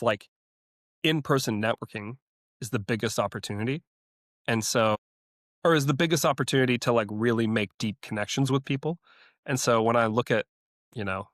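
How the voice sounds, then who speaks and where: A man's voice: lowish voice, a bit bright, no room sound, clean studio sound. A man hosting a podcast interview who speaks in an enthusiastic, appreciative way. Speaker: podcast host.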